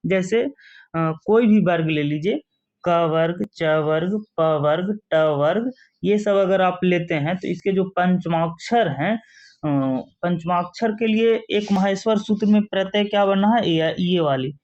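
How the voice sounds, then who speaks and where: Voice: medium pitch, unhurried, a little mellow. A teacher giving a grammar lesson for exam preparation, who asks the class questions and then answers them himself. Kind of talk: exam-prep lesson explaining rules. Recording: dull lo-fi sound.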